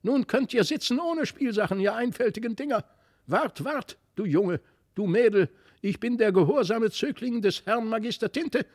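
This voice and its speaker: A man voicing a spiteful ugly doll in a storybook reading, squawking and taunting in a high, shrill voice. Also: expressive, moderate pace, darkish tone. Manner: taunting, sing-song scolding.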